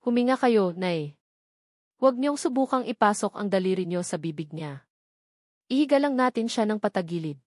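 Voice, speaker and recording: A woman narrator voicing a calm, capable young working man who gives clear, firm instructions. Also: medium pitch, normal speed, pauses often, dry recording, studio quality, close to an everyday voice.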